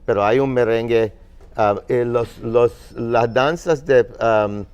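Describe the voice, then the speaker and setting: A man from Finland on a panel, explaining music history in a halting, searching way with many fillers. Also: mid-range voice, a little mellow, clean tone. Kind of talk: panel discussion.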